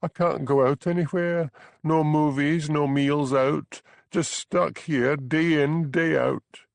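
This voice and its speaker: Reading an audiobook, a man voices an anxious young crofter's wife, trapped in an unhappy marriage and tearful. He makes her plaintive, pleading and high-pitched, while his own delivery is steady and slow with vocal fry. No room sound is audible.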